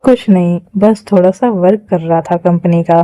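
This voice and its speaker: A woman's voice: on the low side, steady tone, moderate pace, dark tone, no echo, natural voice, low-quality recording. A woman voicing an earnest young man in a fan-made dubbed drama. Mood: calm. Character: young man, long-lost lover, surprised.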